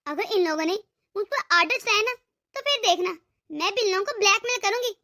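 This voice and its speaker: A woman voicing a cunning young daughter-in-law in a Hindi cartoon, talking in a sharp, taunting and threatening way. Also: extremely high pitch, expressive, brisk, exaggerated voice. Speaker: voice actor.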